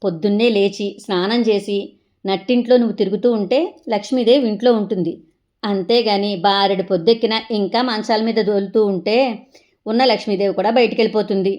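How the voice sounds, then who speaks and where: A woman's voice: medium pitch, fairly even intonation, brisk, a little mellow, muffled recording, natural voice. A woman voicing a bossy but loving middle-aged mother who scolds and lectures her children in a comic family sketch. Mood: scolding.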